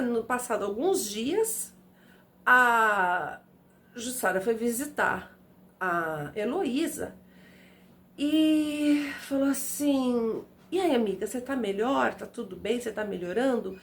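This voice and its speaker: A woman's voice: mid-range voice, a bit bright, a little hiss or hum. A woman retelling a ghost story in a casual, hesitant way, repeating words and using many fillers as she searches for the next phrase. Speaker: storyteller host.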